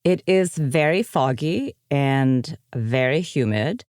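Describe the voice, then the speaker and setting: A woman who grew up in Indonesia and Germany, a podcast guest explaining things in a measured way. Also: rumbling low, expressive, a little mellow, no room sound, clean studio sound. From born in Indonesia, raised partly in Germany. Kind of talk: interview answers.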